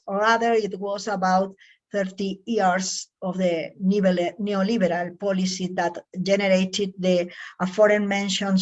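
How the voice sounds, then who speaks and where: Woman giving a careful talk. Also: medium pitch. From Chile. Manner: careful, measured, with frequent fillers and self-corrections. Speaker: academic researcher. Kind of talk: recorded conference presentation.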